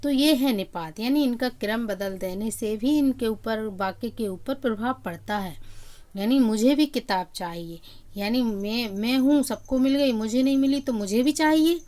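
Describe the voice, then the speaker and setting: A woman's voice: a little high, normal speed, hardly any pauses, a little mellow. A woman teaching children a grammar lesson, talking to them directly, asking questions and answering them herself while she stresses and repeats key words. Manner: explanatory, asks questions then answers them. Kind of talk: classroom-style grammar lesson.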